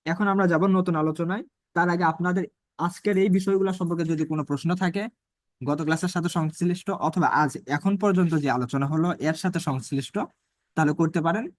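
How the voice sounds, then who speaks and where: A man teaching an online Arabic grammar class, asking himself rhetorical questions and reading Arabic phrases slowly. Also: fairly high pitch, fairly even intonation, no room sound, clean studio sound.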